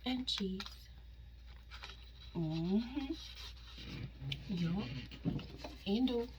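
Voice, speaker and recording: A woman hosting a casual mukbang, chatting informally and slangily to viewers as she eats, often slipping into soft, hushed asides. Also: mid-range voice, lively intonation, drawn-out words, low-quality recording. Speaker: mukbang host eating on camera. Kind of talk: casual mukbang chat to viewers while eating.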